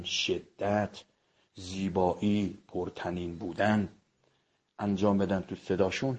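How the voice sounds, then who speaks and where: A singing and voice coach teaches a voice lesson in an audio file, explaining each step politely and formally. His voice sits low, with a warm tone and breathy edge, and the recording's highs are cut off.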